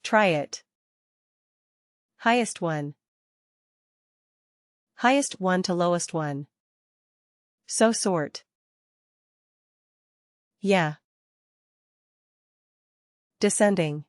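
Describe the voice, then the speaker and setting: A woman whose voice sits slightly low leads a software lesson extremely slowly, pausing often. She breaks things into small steps, restates the key points and keeps questioning her learners. There's no room sound; the recording is dry.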